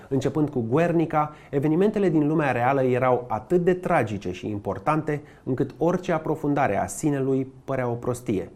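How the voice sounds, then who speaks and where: A male narrator reads a scripted art documentary in a calm, measured way. His voice sits at an ordinary middle pitch. He slows down on key phrases for weight.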